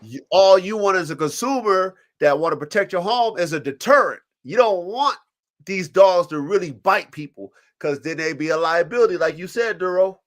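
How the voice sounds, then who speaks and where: This podcast host's voice sits high and moves at a moderate pace, sounding blocked up from allergies over a live stream mic. Talking casually about dogs, he's lively and foul-mouthed, performing quoted voices for dogs and their owners.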